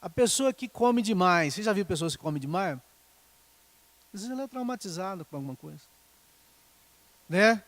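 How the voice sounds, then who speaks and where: A man's voice: high voice, lively intonation, normal speed, long pauses, a bit bright. A middle-aged man preaching a sermon in a conversational way, often checking in with the congregation. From Brazil. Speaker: pastor.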